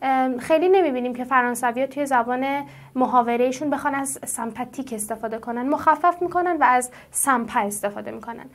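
A woman teaching French who draws out each French word slowly and asks her students questions. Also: high-pitched. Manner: slow, drawn-out pronunciation of French words; explains patiently and asks the class questions. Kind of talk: classroom-style language lesson.

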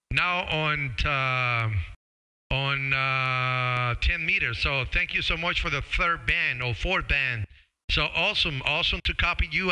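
A middle-aged ham radio operator who also live streams makes a casual contact, hesitantly repeating words and call signs. He speaks close to a boom-arm studio microphone while wearing a headset. His voice is a little high and sharp yet smooth, though the recording quality is low.

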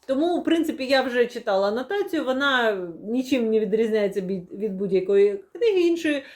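A woman's voice: a little high, expressive, a little fast, darkish tone. Chatty young woman unboxing books. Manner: chatty, many fillers, laughs often, playful. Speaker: book vlogger. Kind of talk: casual book unboxing chat.

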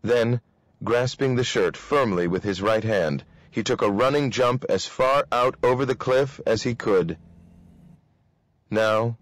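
A man with a lowish voice reads a novel aloud. His delivery is steady and measured, and the recording sounds dry and close. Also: no room sound. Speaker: reader.

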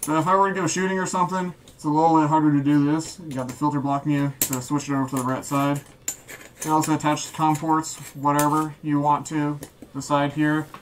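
A man's voice: a little high, flat delivery, brisk, slight background noise. A man in his thirties speaking through a gas mask, giving a casual product demonstration with a muffled sound. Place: small room indoors.

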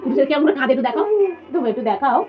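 A woman's voice: high-pitched, very fast, faint music behind, a faint crowd. A young woman playfully coaxing her little son to sleep in a sing-song, cooing, teasing voice at bedtime. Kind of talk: playful baby talk at bedtime. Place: bedroom at night. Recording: dull lo-fi phone audio with background noise.

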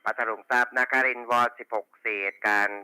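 Over a walkie talkie, a man with a low, very sharp and bright voice runs a police radio roll call. He is crisp and procedural, repeating call signs and reports as a dispatcher. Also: fairly even intonation, brisk, dry recording. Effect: two-way radio.

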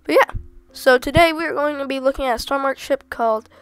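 A woman who is sick with a cold, chatting casually and rambling through gameplay commentary with sudden excited exclamations. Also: high voice, brisk, dry recording, soft background music. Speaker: gaming video host.

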